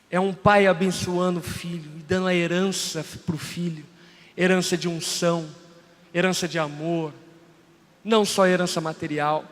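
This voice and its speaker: A Brazilian man, around his thirties, preaches from the pulpit in a fairly high voice. He tells stories and acts out each speaker's lines as he goes. The sound carries a long reverb from a large church hall. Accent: Brazilian Portuguese. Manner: storytelling preacher, acts out dialogue. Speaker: pastor. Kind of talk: sermon.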